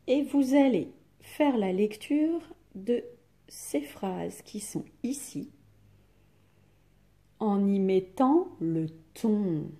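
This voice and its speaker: Woman schoolteacher, patient and unhurried, warm low-key timbre, coaxing questions to kids. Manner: slow, patient, stretched-out syllables, questions to the class. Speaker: primary school teacher. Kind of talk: remote reading lesson for young children.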